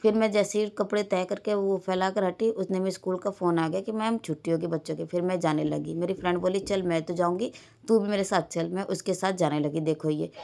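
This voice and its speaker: A mother narrates her busy day in a loose, rambling voice-over for a home vlog, often slipping into her children's words. Her voice sits on the low side for a woman. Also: fairly even intonation, a little fast, creaky, darkish tone. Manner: rambling everyday storytelling, quoting her children. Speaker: vlogger and mother.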